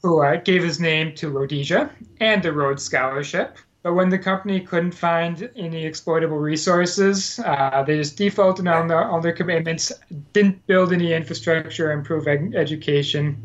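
On a casual podcast, a man with a slightly high voice speaks at a moderate pace about his years as a Peace Corps volunteer. He rambles, filling his talk with fillers and self-corrections, and the lo-fi recording sounds dull.

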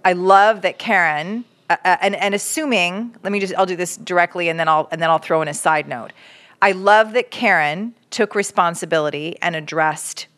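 A woman's voice: on the low side, moderate pace, fairly bright tone. A woman hosting a casual talk on relationships, explaining things step by step with frequent restarts. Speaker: podcast host giving relationship advice. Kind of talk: casual conversation.

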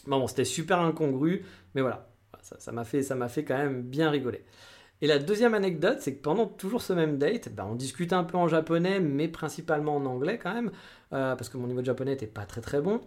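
A man's voice: on the high side, animated, fairly quick, darkish tone. A man in his forties hosting a podcast, frankly telling personal anecdotes in a chatty way with many restarts. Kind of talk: casual storytelling monologue.

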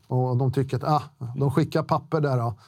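A man's voice: medium pitch, steady tone, a little mellow, no room sound, clean studio sound. A middle-aged man talking as a podcast guest, blunt and slangy, swearing freely and restarting often. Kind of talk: casual interview talk.

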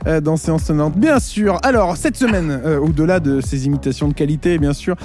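A man's voice: a little high, brisk, a little mellow, soft background music. A man hosting a casual film podcast, teasing his co-hosts playfully and leaning on lots of fillers. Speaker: podcast host.

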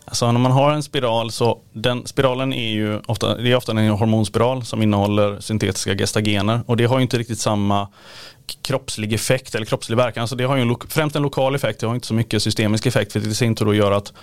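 Male expert co-host, halting and thoughtful, dry close mic. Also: fairly low pitch, steady tone, clean tone, no echo. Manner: hesitant, many restarts and fillers, explanatory. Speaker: podcast co-host, health expert. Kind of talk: casual podcast chat.

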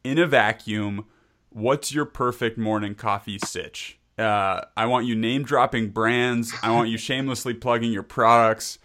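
A man's voice: medium pitch, fairly even intonation, measured pace, fairly bright tone, slight background noise. A man hosting an interview, asking playful, wordy questions. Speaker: podcast host.

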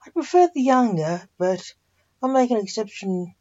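A woman's voice: a little high, lively intonation, normal speed, dark tone. Woman reading as a gloating rotting zombie man. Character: hungry rotting male zombie, mocking. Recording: dull lo-fi.

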